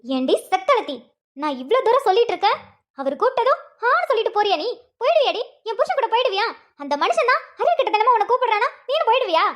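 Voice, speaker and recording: A woman voicing a jealous, hot-tempered young wife who scolds fast in a cartoon. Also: expressive. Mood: furious. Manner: scolding, rapid and shrill. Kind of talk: Tamil cartoon voice acting.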